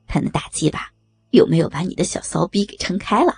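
A crude male thug sneers and jeers in an erotic audio story, as a woman reader puts him on. The voice is low and gravelly with a rough husky edge, and the pitch swings widely as he mocks. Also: wildly swooping pitch, moderate pace, soft background music, heavily acted. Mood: jeering. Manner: mocking, leering taunts.

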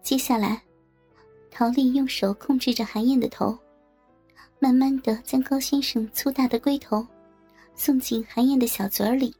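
Brief: high, husky female narrator for an erotic audio story, warm and creaky, faint music behind. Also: steady tone. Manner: slow, soft, intimate storytelling.

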